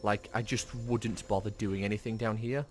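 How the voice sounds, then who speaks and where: A man's voice: fairly low pitch, steady tone, normal speed, a little mellow, slight background noise. A man hosting a gaming video with casual, off-the-cuff gameplay commentary. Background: game sounds.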